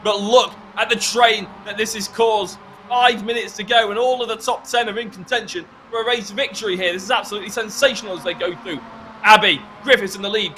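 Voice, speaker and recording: Excitable high-voiced race caller. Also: male voice, a little hiss or hum. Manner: excitable, builds to shouts at passes. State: voice going hoarse. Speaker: lead race commentator. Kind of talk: excited live motorsport commentary.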